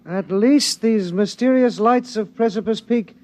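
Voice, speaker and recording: In a 1950s radio drama, an actor plays an idle, fussy gentleman who hates the outdoors, speaking in a languid, sardonic manner. His voice sits high and unhurried, with no echo.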